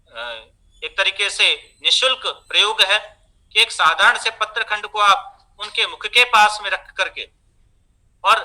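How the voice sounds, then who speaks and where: A man giving a measured, explanatory lecture on teaching pronunciation, pausing often. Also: sits high, bright, forceful tone, poor audio. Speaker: teacher trainer.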